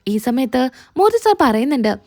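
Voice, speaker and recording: A woman's voice: sits high, big pitch swings, warm tone. A woman, retelling a serial's episode and voicing its lines in passing. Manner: quick retelling that voices quotes in passing. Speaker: serial recap narrator. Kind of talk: spoken story recap.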